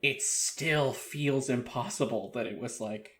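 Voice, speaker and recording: A man's voice: mid-range voice, unhurried, a bit bright. Podcast co-host, man in casual chat, rambles, reacts a lot. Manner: rambling, reactive, filler-heavy.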